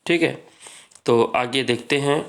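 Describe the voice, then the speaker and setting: A man teaching an exam-prep grammar lesson, explaining slowly and repeating points while addressing students as friends. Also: mid-range voice, a little hiss or hum.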